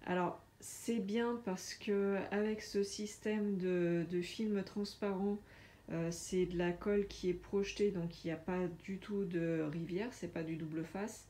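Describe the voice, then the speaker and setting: A woman chatting casually through a craft unboxing, hesitant with many filler pauses. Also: mid-range voice, steady tone, warm tone. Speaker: diamond painting vlogger.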